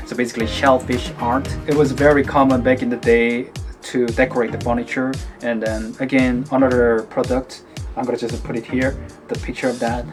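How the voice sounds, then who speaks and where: A man from South Korea, a language teacher and video host, gives casual commentary over film clips with background music playing. His mid-range voice carries a Korean accent, and his explanations are full of restarts and filler words.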